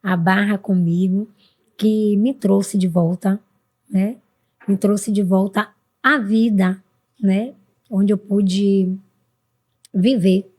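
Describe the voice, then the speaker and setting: A middle-aged woman from Brazil, a guest on a podcast, talking earnestly and warmly about her life and her mother, sometimes jumping high in pitch when she quotes others. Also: steady tone, takes it slowly, pauses often, breathy edge. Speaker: podcast guest, mentor for women. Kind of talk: casual interview talk.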